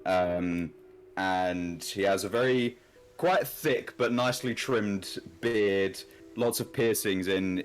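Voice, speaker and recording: A man with a lowish voice describes his game character slowly, pausing often to pick his words. Faint music sits under him. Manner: unhurried, hesitant. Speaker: player.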